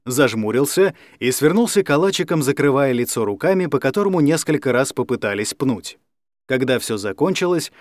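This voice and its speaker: A man narrating an audiobook in a lively, dramatic storytelling manner. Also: medium pitch, dry recording, studio quality.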